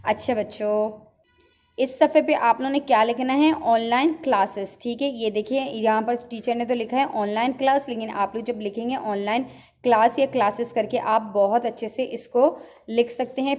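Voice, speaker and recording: A woman teacher leads an online writing lesson for young children, speaking patiently and checking in with them often. Her voice sits a little high. The recording sounds dull and lo-fi. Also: steady tone, a little mellow. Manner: patient, slow teacher talk with repeated checks.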